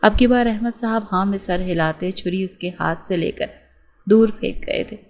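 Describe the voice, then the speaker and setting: A woman's voice: mid-range voice, normal speed. Woman reading a romance novel aloud. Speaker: novel narrator. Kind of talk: scripted narration of a romance novel with acted dialogue.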